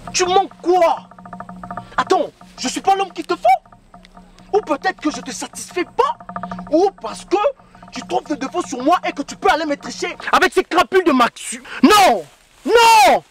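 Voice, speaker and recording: A man with a Congolese French accent playing a jealous young man who orders and pleads with his pregnant girlfriend. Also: very high-pitched. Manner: commanding, then pleading and shouting.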